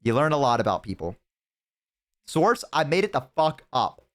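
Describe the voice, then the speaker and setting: Speaking at a moderate pace with a medium-pitched voice, a young live streamer chats casually with his viewers. His stories ramble and turn profane, and he breaks into animated impressions along the way.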